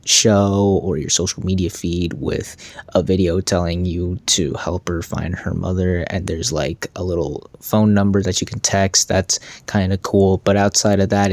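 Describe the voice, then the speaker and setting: A man's voice: low-pitched, a little mellow, no room sound. A man hosting casual box office commentary, talking with enthusiasm and frequent stammers and restarts.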